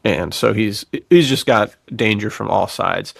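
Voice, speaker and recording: This casual writing podcast is hosted by a fiction author who talks to a fellow author in an effusive, informal manner, saying "dude." He has a lowish, gravelly voice and a measured pace. There's no room sound.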